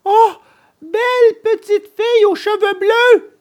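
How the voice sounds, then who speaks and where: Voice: high-pitched, takes it slowly, pitched above the performer's own voice. A narrator doing a desperate wooden puppet boy. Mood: pleading. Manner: pleading, tearful.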